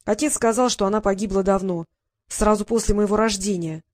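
A woman's voice: medium pitch, steady tone, fairly quick, a little mellow, dry recording, studio quality, natural voice. A woman reading the part of a proud, hurt young girl in an audiobook, defiant and touchy in manner. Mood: sullen.

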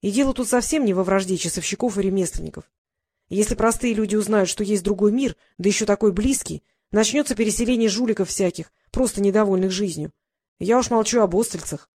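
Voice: mid-range voice, fairly quick, darkish tone, slightly rough. A reader voicing Fesh, a grumpy, proud winged boy who speaks curtly and with self-assurance. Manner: curt, blunt, self-assured.

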